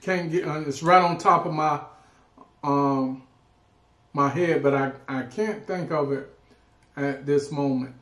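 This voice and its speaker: A man with a slightly high voice talks slowly and casually as the host of a food vlog. He pauses often mid-thought. The sound is roomy, with clear echo around his voice. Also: fairly bright tone. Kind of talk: casual mukbang chat while eating. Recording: roomy, echoing indoor sound.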